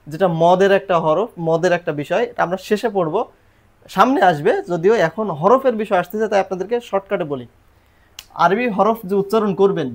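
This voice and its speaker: A man teaching Quran reading and the Arabic alphabet in a recorded lesson, patiently repeating letters and drilling pronunciation. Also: sits high.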